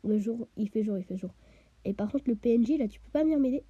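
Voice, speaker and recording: Slightly high and warm with a faintly rough edge, this woman's voice carries chatty let's play commentary while she plays. She's a little congested from a cold, drops to a half-whisper often and fires off quick interjections. The recording has no room sound, and the highs are cut off.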